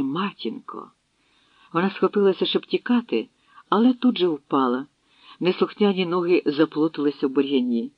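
A man's voice: fairly high pitch, dry recording, muffled recording. A man reading a historical adventure audiobook aloud in dramatic storytelling style. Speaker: audiobook narrator. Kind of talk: scripted narration.

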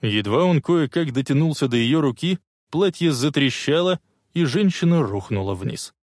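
A man narrating an audiobook with expressive storytelling delivery. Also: on the high side, normal speed, no room sound, clean studio sound. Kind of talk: dramatic audiobook reading.

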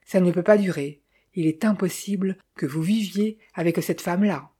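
A woman's voice: fairly low pitch, normal speed, warm tone, breathy edge. A woman reading a boastful young clerk. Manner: self-important, turning sheepish. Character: young male clerk, boastful yet easily shaken.

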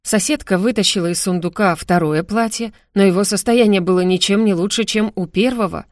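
Woman reading a novel out loud, lively and expressive, middle pitch, dry mic. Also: a little fast, dry recording. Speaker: audiobook narrator. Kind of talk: first-person novel narration.

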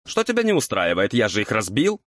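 A man's voice: fairly low pitch, wildly swooping pitch, a little fast, fairly bright tone, no room sound, clean studio sound. A man voicing a lazy, cheeky male imp who grumbles and bickers. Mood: grumbling. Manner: grumbling, sulky.

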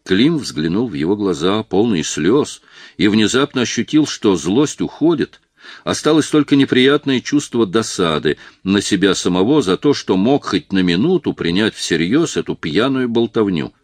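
A man narrating a novel in an expressive storytelling manner. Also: fairly low pitch, moderate pace, no echo. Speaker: audiobook narrator. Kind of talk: scripted narration.

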